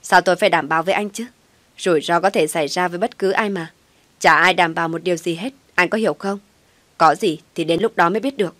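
A woman's voice: on the low side, quick pace, dry recording, lightly acted. A woman voicing a male hospital doctor who speaks in a defensive, lecturing way.

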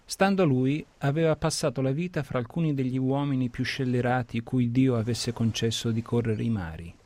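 A man reading passages from an adventure novel aloud in a measured, storytelling way on a radio program. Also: medium pitch, warm tone. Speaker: reader of literary excerpts. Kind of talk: scripted literary reading.

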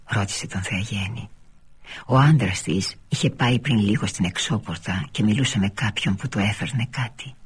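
A man reads a literary novel aloud for radio in a low, very husky voice. His delivery is measured and often sinks to a near-whisper. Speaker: reader.

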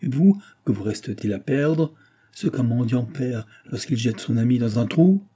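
A man voicing a desperate, bitter brewery clerk who talks hoarsely and accuses in near-hysterical outbursts. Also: medium pitch, steady tone, moderate pace, mellow. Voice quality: hoarse, breathless.

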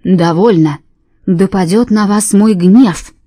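A woman reading an audiobook voices a stern male God in a play, speaking in slow, commanding pronouncements. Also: medium pitch, lively intonation, mellow, no echo, clean studio sound, lightly acted. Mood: wrathful.

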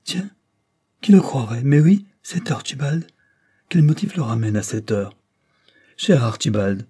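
A man voicing a timid, gentle young noble wife who speaks softly and apologetically. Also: medium pitch, normal speed, husky, lightly acted. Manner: soft and apologetic.

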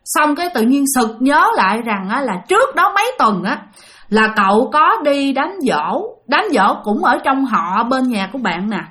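A woman who hosts a storytelling channel narrates listener-sent ghost stories in a chatty way, often addressing her audience directly. Her voice sits high and sounds sing-song, bright and forceful, at a moderate pace.

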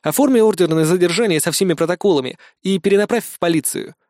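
A man voicing a brisk, businesslike male police lieutenant over an earpiece in an audiobook. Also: sits high, darkish tone, no echo, clean studio sound, lightly acted.

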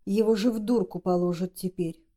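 A woman's voice: medium pitch, fairly even intonation, a little fast, warm tone, lightly acted. A woman voicing a stern, nervous middle-aged wife who speaks in a pressing tone.

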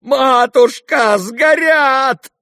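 A man's voice: very high voice, very slow, pushed and bright, no echo, clean studio sound, voice pushed up, full character voice. A man voicing a servile, fawning older male clerk who laments in a sing-song wail.

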